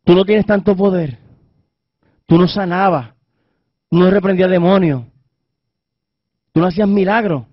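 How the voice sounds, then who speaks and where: A man's voice: high-pitched, normal speed, long pauses, dry recording. A man acting out a defiant crucified male thief who mocks and demands to be saved, in a dull, dry lo-fi recording. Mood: taunting. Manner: taunting, raised demands.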